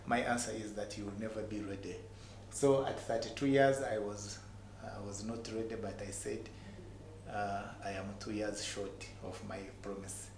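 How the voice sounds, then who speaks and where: A man with a Ugandan accent speaks in a low, fairly flat voice, telling motivational stories about himself. He pauses often and repeats words to drive them home. The recording is a noisy, echoey room. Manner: halting, repeats words for emphasis. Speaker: entrepreneur guest telling his story. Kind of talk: motivational personal storytelling in an interview. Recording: echoey room with clear background noise.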